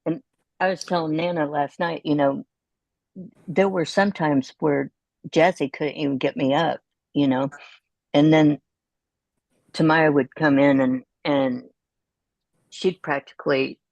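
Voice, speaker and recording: A middle-aged woman talks as a guest on a video call, with a low voice and a dry, close sound. She tells her stories in a chatty way and laughs often. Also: fairly even intonation, unhurried, vocal fry, pauses often, a little mellow, no room sound, lo-fi sound. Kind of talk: casual chat.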